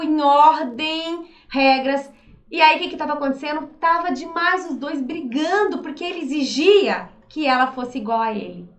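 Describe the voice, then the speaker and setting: High-voiced Brazilian woman coach, echoey room. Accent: Brazilian Portuguese. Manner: lively, acts out little quoted voices. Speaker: behavioral profile coach. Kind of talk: casual explanatory talk.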